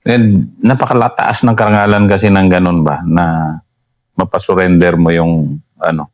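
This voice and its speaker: A man's voice: sits low, steady tone, moderate pace. A man hosting an interview, prompting with short questions and murmured acknowledgments. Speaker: retired army colonel hosting interviews.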